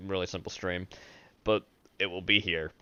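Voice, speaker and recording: Male livestream host, lowish voice, very dry and a little dull in sound, easygoing sign-off chatter. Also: steady tone, moderate pace, bright, forceful tone, smooth, no echo. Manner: casual, profane, rattles off announcements. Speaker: stream host. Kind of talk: casual livestream chat.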